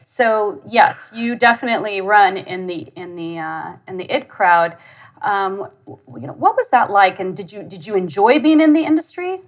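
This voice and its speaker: A woman hosting an interview, supportive and asking her guest questions with frequent soft backchannel replies. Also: medium pitch, expressive, normal speed. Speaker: interview host. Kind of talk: conversational interview.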